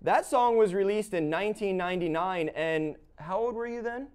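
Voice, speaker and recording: A man's voice: sits high, moderate pace, clean tone. A man in his thirties, a teacher presenting a chatty segment on a school broadcast from a studio.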